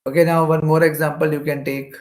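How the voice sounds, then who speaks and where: A physics teacher with an Indian accent gives an exam-prep lecture, working through problems step by step, often repeating phrases and checking in with "okay." His voice is on the high side, flat in delivery and quick. The recording has a roomy echo.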